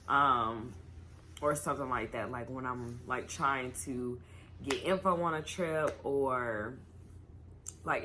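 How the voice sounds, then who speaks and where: Low-pitched, bright-voiced tipsy, giggly woman. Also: slight background noise. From North Carolina, United States. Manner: tipsy, giggly, loose and rambling. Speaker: YouTuber host. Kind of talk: casual chatty Q&A vlog.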